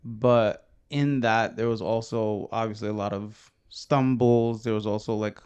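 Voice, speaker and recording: A man's voice: lowish voice, steady tone, unhurried, a little mellow, smooth. A young man co-hosting a podcast, talking in a rambling, hesitant way with many fillers. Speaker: podcast co-host. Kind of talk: casual conversation.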